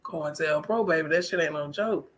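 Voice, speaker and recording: An American vlogger from the United States talks casually in a personal monologue, colloquial, conversational and emphatic. Her voice is deep and her pace moderate.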